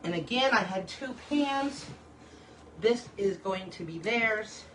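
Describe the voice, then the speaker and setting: Streaming live from her home kitchen by phone, this chatty cooking host calls her viewers y'all and sounds somewhat hot and winded. She speaks slowly at a medium pitch with lively intonation, over a noisy background.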